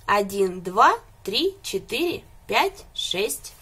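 A woman voicing a clever little boy goat kid in a storybook, counting everyone aloud with eager pride and a slightly husky tone. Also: medium pitch, very animated, takes it slowly, full character voice. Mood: proudly counting. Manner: bright, proudly counting aloud.

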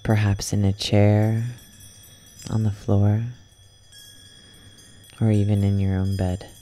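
This ASMR yoga nidra session is led by a soft-spoken guide whose low voice barely moves in pitch. The pace is calm and unhurried, with long pauses, and a little hiss or hum can be heard.

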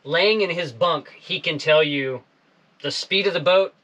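A man in his forties hosting a casual interview in a small boat cabin, talking in a relaxed, laid-back way. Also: fairly high pitch, measured pace, low-quality recording. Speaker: podcast host.

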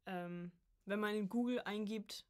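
Chatting informally as a podcast guest, this early-twenties woman studying voice acting shares her story in a relaxed, conversational interview. She speaks unhurriedly in a mid-range voice.

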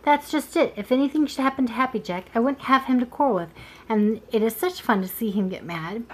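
Woman putting on a young male red squirrel, nervous, hesitant, slightly high, storybook voice. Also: breathy edge, low-quality recording. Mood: quick. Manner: hesitant, quick-tongued.

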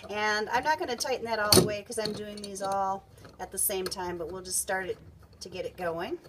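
A woman's voice: medium pitch, fairly even intonation, normal speed, noisy background. Woman explaining a hands-on install. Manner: clear step-by-step explaining while working with tools. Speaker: product demonstrator. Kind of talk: instructional how-to demonstration.

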